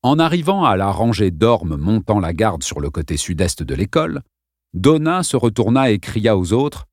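Narrateur masculin expressif, voix grave. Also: male voice, on the low side, very animated, moderate pace, dry recording, clean studio sound. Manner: expressif, posé. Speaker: lecteur de livre audio. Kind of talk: narration de roman lue.

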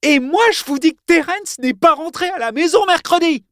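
Un homme qui lit un livre audio et prête sa voix à une mère en colère, grossière et combative, qui crie ses invectives. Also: male voice, extremely high pitch, a little fast, vocal fry, fairly bright tone, no echo, studio quality, voice pushed up, full character voice. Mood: furieuse. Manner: crie, invective, parle cru. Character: mère furieuse, femme d'âge mûr, grossière et combative.

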